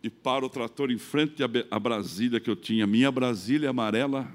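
A middle-aged pastor with a Brazilian Portuguese accent preaching a sermon, telling a personal story and acting out both sides of the dialogue. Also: male voice, medium pitch, fairly quick. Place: church.

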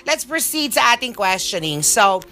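A woman hosting a casual chat, gossipy and quick to laugh, mixing English into her Filipino. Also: on the high side, very animated, noisy background. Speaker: host.

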